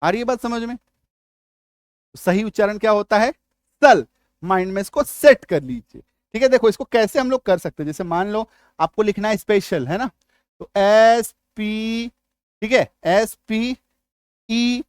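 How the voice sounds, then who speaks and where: High-voiced man teaching English spelling. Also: smooth, dry recording. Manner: repeats checks like "आ रही बात समझ में?"; stretches out example words slowly. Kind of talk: spelling lesson.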